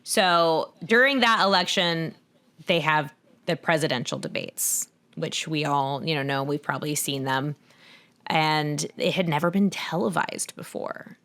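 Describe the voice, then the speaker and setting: A woman in her thirties talks through a topic on a podcast in a loose, conversational way. Her voice sits a little low, and she often breaks into laughter or jumps up in pitch when she acts out what people said. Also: unhurried, a bit bright. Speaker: podcast co-host. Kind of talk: casual conversational explanation.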